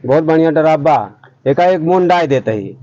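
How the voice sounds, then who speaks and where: A man with an Awadhi accent talking in a breezy, sure-of-himself way as a village doctor in a comic sketch. His voice sits a little high for a man. The sound is muffled and lo-fi. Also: animated, moderate pace, dark tone, dry recording. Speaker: fake doctor in a comedy sketch. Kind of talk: rustic Awadhi comedy skit.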